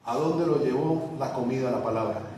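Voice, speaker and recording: A pastor preaching a sermon, repeating words, asking rhetorical questions and rising to loud peaks. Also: male voice, medium pitch, moderate pace, noisy background. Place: church hall. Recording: echoey hall from far off.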